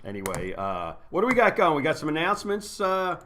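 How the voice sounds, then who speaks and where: A man's voice: fairly high pitch, sing-song, a little fast, a bit bright, slight background noise. A male co-host chatting loosely in a studio, rambling with fillers. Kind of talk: casual live-stream chat.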